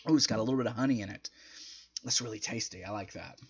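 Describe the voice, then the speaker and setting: A young adult man hosts a wrestling review, sharing casual, strong opinions in an emphatic, chatty style with a slightly strained throat. His voice is lowish, fast, and a touch breathy, captured by a close desk mic in a small home room, though the recording sounds muffled.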